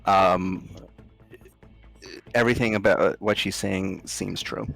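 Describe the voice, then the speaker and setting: A man narrating a tabletop game as game master, halting and descriptive as he improvises. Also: deep voice, fairly even intonation, gravelly, fairly bright tone, faint music behind.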